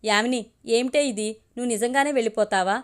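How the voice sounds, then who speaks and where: A woman's voice: on the high side, fast, clean tone, lightly acted. A woman voicing an anxious pleading mother.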